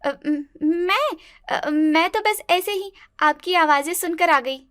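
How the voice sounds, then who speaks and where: A woman voicing a brisk, nosy young sister-in-law in a cartoon, with a chiding manner. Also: very high-pitched, fairly bright tone, dry recording, studio quality, exaggerated voice. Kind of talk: cartoon voice acting.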